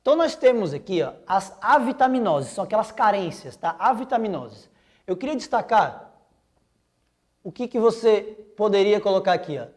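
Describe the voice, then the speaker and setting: A man's voice: high-pitched, big pitch swings, normal speed. A young man with a Brazilian accent teaching an online exam-prep biology lesson in a casual, slangy, joking way. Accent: Brazilian Portuguese.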